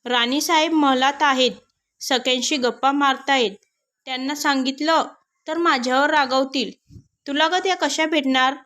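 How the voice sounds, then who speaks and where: A woman's voice: sits high, fairly even intonation, normal speed, a bit bright. A woman voicing a timid young household maid who talks anxiously and pleads in a storybook tale. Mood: worried.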